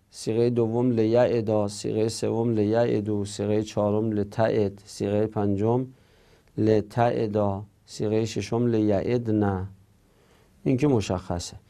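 Male teacher, a bit of fry in a warm low-toned voice, steadily reading out rules and explaining them. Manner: methodical, reads rules aloud then explains them. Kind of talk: grammar lesson.

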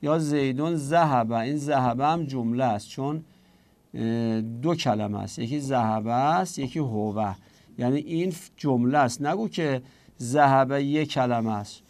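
A man's voice: mid-range voice, a little mellow, dry recording. A man teaching a grammar lesson, explaining step by step and answering his own questions. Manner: explains step by step, slows on the quoted examples. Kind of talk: classroom grammar lecture.

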